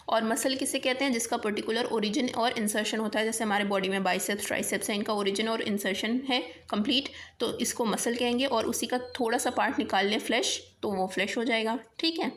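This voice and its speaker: A woman teaching a vocabulary lesson in speech, dictating word pairs slowly and checking in with the class. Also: a little high. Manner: slow careful dictation of word pairs, frequent rising checks.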